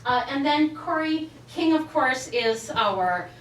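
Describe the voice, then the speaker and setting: The speaker is a teachers' union president at a school board meeting, enthusiastically introducing each colleague. She speaks slowly and expressively in a high voice, heard from afar in an echoey room with a bit of hiss or hum.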